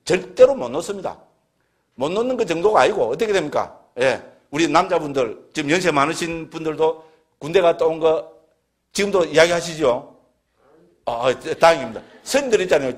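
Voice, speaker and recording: A Buddhist monk gives a scripture lecture. His voice is husky and sits fairly high for a man. He talks in a plain, earnest way and keeps checking in with his listeners through rhetorical questions. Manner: plain-spoken, folksy and earnest.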